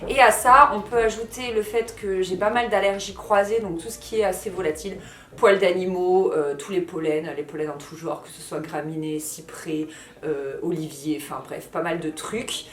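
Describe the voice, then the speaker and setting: A French lifestyle vlogger in her thirties talks casually to camera inside a house under renovation. Her voice is on the low side, steady and moderately paced, with a roomy sound. She chats freely, using lots of fillers and correcting herself often.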